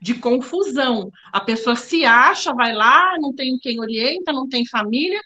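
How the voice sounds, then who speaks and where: A woman's voice: high voice, expressive, moderate pace, sharp tone, dull audio. A middle-aged woman giving a public lecture as a diversity official, frank and didactic, addressing the audience directly.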